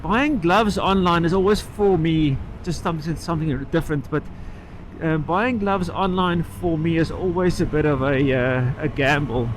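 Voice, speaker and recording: Higher-pitched man chatting inside a motorcycle helmet. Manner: halting, trailing off and picking the thread back up. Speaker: motorcycle vlogger. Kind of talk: casual rambling vlog chat while riding. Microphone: microphone inside the helmet. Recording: inside-helmet sound with road and engine noise.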